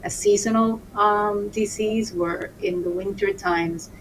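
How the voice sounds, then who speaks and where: A woman from Colombia, answering interview questions as a doctor, halting with many fillers and restarts. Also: mid-range voice, steady tone. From Caribbean Colombia. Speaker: infectious disease doctor, guest. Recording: distant mic with faint noise.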